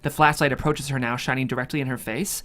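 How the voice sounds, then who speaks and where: A narrator reads scripted stage directions from a thriller screenplay, carrying the action as dramatic narration. The voice is middling in pitch and a bit bright, with fairly even intonation and a quick pace.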